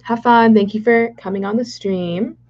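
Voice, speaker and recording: A woman's voice: medium pitch, steady tone, normal speed. A young woman with a Valley girl accent, chatting casually on a livestream and answering viewer questions with lots of fillers and restarts. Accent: Californian. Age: young adult. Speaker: livestream host. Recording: dull, lo-fi livestream audio.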